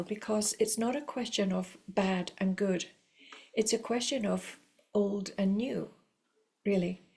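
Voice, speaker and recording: Calm, encouraging woman violin teacher. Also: medium pitch. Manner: calm, encouraging, unhurried with frequent fillers. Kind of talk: spoken lesson to camera.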